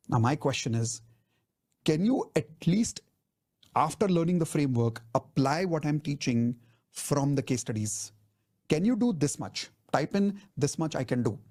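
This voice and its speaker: Upbeat man pitching a coaching webinar. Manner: energetic, persuasive, keeps asking the audience to type in chat. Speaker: life coaching webinar host. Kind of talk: live sales webinar presentation.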